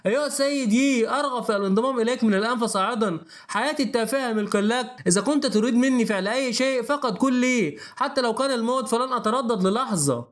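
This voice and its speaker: A man's voice: very high-pitched, very fast, few pauses. A man voicing a young male disciple crying out his devotion through tears. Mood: fervent. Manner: crying out, fervent.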